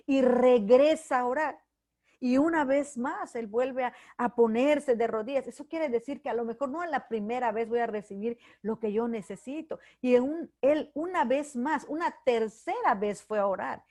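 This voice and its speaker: A woman's voice: fairly high pitch, normal speed, darkish tone. A middle-aged woman giving a heartfelt devotional sermon, sharing personal testimony in an earnest way. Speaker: preacher.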